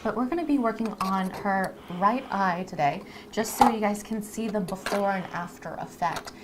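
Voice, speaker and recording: A woman co-hosting a live stream introduces a lash artist, explaining things to the audience in a chatty, casual, conversational way. She speaks at normal speed with a medium-pitched voice, and background noise is clearly audible.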